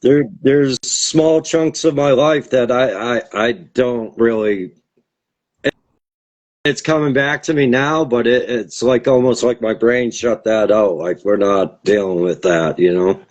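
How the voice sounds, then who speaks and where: A man speaks as a guest in a relaxed interview, at a middle pitch typical for a man. He wanders through his stories, trailing off, restarting and filling gaps with fillers. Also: slow. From Boston area, USA. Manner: rambling, hesitant, many fillers and restarts. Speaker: featured poet guest. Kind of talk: casual interview conversation.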